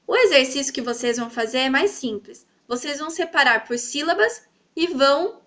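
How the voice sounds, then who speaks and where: A woman teacher with a high, bright voice, explaining to young pupils. She draws example words out slowly and keeps checking that the class follows. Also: expressive. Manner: sweet, coaxing, checks in often. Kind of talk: children's grammar lesson.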